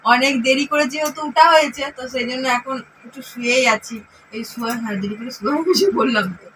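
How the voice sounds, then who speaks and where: A woman's voice: high-pitched, quick pace, fairly bright tone, distant mic, a little hiss or hum, rough recording. A woman in her thirties, lying down at home and talking playfully to her baby for a vlog. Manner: playful baby talk to an infant. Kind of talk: casual vlog narration.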